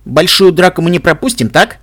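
A man's voice: high-pitched, lively intonation, a little fast, a bit bright, pitched above the performer's own voice. A man voicing an impatient, eager young female pony fighter.

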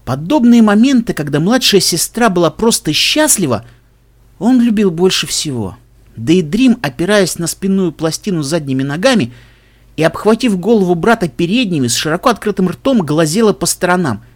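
A man narrating a storybook aloud with expressive delivery. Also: high-pitched, normal speed. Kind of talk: storybook reading.

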